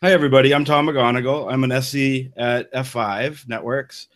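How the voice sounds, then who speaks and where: A man's voice: mid-range voice, steady tone, moderate pace, fairly bright tone. A man speaking as a guest engineer in an interview, enthusiastic and rambling with many restarts. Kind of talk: casual interview talk.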